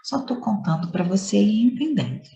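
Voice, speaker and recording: A woman's voice: medium pitch, animated, normal speed, mellow. A woman teacher giving a playful lesson to schoolchildren, stretching words and leaning hard on stressed syllables.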